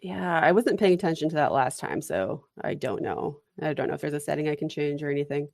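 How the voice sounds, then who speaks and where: Low gravelly woman running the audio room, brisk, dry sound. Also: darkish tone, no room sound. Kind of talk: casual audio-room discussion.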